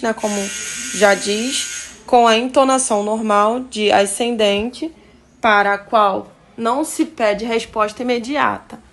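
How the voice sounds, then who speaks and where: A woman's voice: fairly high pitch, slight background noise, low-quality recording. A woman teacher with a Brazilian Portuguese accent, giving a recorded grammar lesson. She reads out rules and then explains them in her own words, often checking in with "tá?" and "né?".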